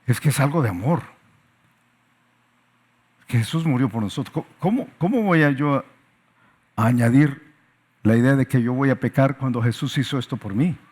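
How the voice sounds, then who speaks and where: A man's voice: medium pitch, normal speed, long pauses, a little mellow, slightly rough. A male pastor preaching a sermon with emphatic repetitions and rhetorical questions.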